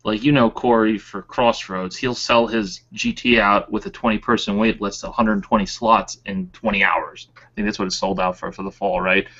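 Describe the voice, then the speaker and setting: A man's voice: on the low side, fairly bright tone. A man co-hosting a casual chat, giving his opinions in a dry, matter-of-fact way. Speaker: co-host. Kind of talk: casual chat about tabletop wargaming. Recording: dull lo-fi recording.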